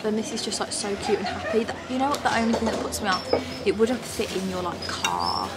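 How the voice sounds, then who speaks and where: A woman vlogger chats excitedly in a casual shopping vlog, filmed on a handheld phone at arm's length inside large indoor stores. Her medium-pitched voice is brisk, gushing and upbeat, full of "like," with loud store ambience and heavy background noise behind it.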